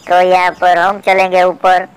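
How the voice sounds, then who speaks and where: A man's voice: high voice, monotone, unhurried, slight background noise, rough recording. A man giving comedic commentary over mobile game footage, playful and teasing, mock-polite toward the opponents he trolls. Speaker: gaming channel host.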